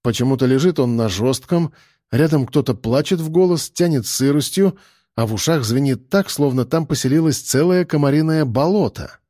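Man, audiobook narrator, dark mellow voice, even measured reading, dry close sound. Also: fairly high pitch, no room sound. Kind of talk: scripted narration.

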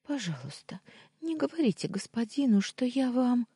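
A woman voicing a shy, eager young maid in her twenties, speaking in a hushed, pleading way. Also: on the high side, very animated, normal speed, husky, no room sound, studio quality, pitched above the performer's own voice, full character voice. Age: 20s.

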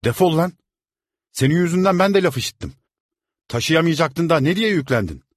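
Guy doing a mad servant yelling fast, high and loud, dry sound. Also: expressive, no room sound. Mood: furious. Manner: shouting, rapid scolding. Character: angry male servant, harsh and scolding.

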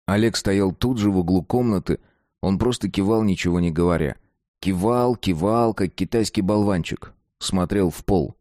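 A man reading a dark story aloud, slow and deliberate. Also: sits low, no echo, clean studio sound. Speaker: narrator. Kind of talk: scripted narration of a dark story.

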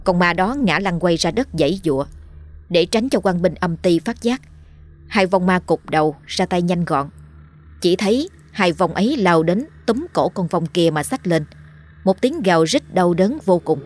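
A woman narrating a horror story in a steady, dramatic way. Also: on the low side. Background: faint music.

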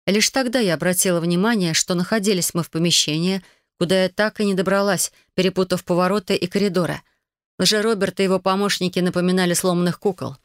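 An audiobook narrator telling a fantasy story in first person, lively and emotional. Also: mid-range voice, fast, clear, resonant tone, no room sound, studio quality.

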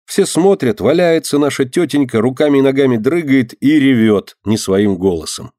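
For an audiobook character, a man voices a calm, serious mother, pitched above his own voice yet close to an everyday sound. His mid-range delivery moves at a moderate pace in clean studio audio with no room sound.

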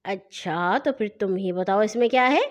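A woman voicing a young older brother who gently teases and lectures his little sister in a storybook tale. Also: medium pitch, voice pushed down, lightly acted. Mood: amused.

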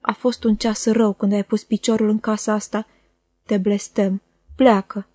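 A woman's voice: mid-range voice, level tone, darkish tone, dry recording, studio quality, close to an everyday voice. A woman reader voicing a proud, bitter, jealous young woman who speaks with scornful, impassioned force in an audiobook. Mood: cursing. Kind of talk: audiobook character voice.

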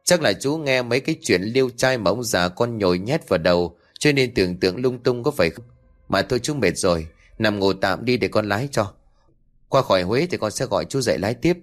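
A man's voice: on the low side, expressive, a little fast, faint music behind, natural voice. A man voicing a cheeky young male truck driver who teases and complains. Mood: teasing. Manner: teasing, whiny.

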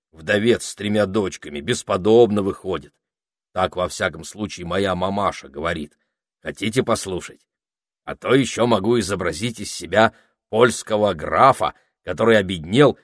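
A man's voice: fairly low pitch, dry recording, studio quality. A man voicing a boastful, sneaky male toad spy who whines and wheedles. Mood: aggrieved. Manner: whiny, wheedling, cocky.

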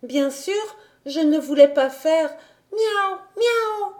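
A woman's voice: very high voice, expressive, very slow, darkish tone, voice pushed up, heavily acted. A woman reading an audiobook voices an earnest young girl who explains and stammers. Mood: flustered.

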